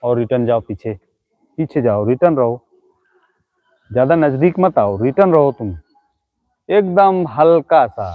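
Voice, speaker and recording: A man's voice: mid-range voice, expressive, unhurried, pauses often. A man hosting a comic live stream, mockingly scolding and insulting imaginary ghosts with teasing jabs. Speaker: live-stream comedy host. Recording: tinny phone-like audio.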